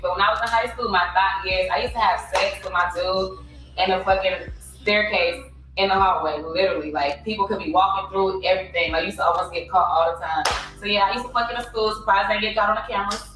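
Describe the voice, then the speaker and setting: A woman in her twenties from Atlanta, a reality show contestant, speaking candidly with quick asides. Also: medium pitch, steady tone, noisy background. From Atlanta, USA. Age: 20s. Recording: echoey, distant, music underneath.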